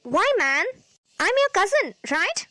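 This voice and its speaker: A woman's voice: very high voice, sing-song, sharp tone, dry recording, studio quality, full character voice. A woman doing a teasing young cousin. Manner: casual, teasing, slow. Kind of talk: cartoon voice acting.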